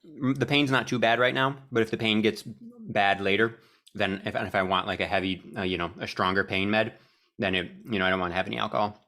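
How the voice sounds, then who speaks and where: A man's voice: on the low side, fairly even intonation, a little fast, bright, forceful tone. A man co-hosting a casual podcast, talking bluntly and swearing casually. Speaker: podcast co-host. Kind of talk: casual chat.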